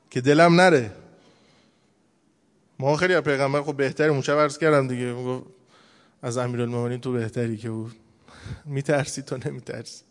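Man preaching in a reverberant hall. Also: on the high side. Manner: conversational storytelling, reciting scripture slowly. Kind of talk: colloquial religious sermon.

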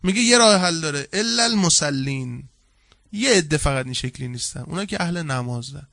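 A man, a seminary cleric, giving a colloquial sermon full of anecdotes, swinging from loud, lively telling to hushed, earnest asides. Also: on the high side, dry recording, clean studio sound.

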